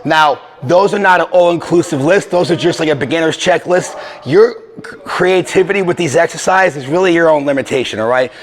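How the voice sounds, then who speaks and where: A man talking through a casual exercise tutorial as a fitness coach, energetic and conversational, a bit out of breath. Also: fairly high pitch, fairly quick. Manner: energetic, conversational, with filler restarts.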